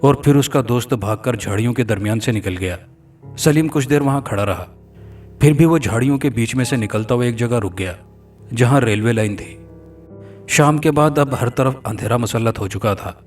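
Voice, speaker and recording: A male storyteller reads a horror tale with an even, dramatic delivery. His voice sits at a middle pitch and sounds a little far from the mic. Faint background music plays throughout. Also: normal speed. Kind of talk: scripted horror story narration.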